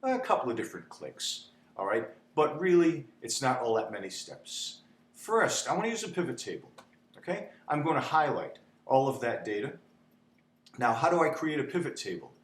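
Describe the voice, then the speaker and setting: A man's voice: mid-range voice, very animated, moderate pace. Chatty man teaching spreadsheets, echoey room. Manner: chatty, repeats "okay?", dramatizes panic. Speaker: instructor. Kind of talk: spreadsheet tutorial. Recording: echoey room with faint hum.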